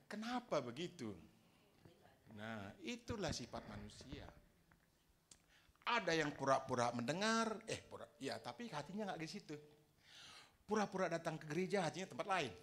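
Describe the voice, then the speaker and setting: Male preacher with a lively, swooping voice. Delivers a chatty, teasing sermon. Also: fairly high pitch, normal speed, pauses often, a little hiss or hum. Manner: conversational, teasing the congregation with questions.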